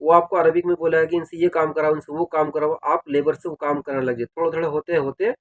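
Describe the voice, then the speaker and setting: A man's voice: on the high side, flat delivery, fast talker, lo-fi sound. A man casually explaining things to his viewers, often adding "theek hai" and addressing them directly. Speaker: video creator giving advice on working in Saudi Arabia.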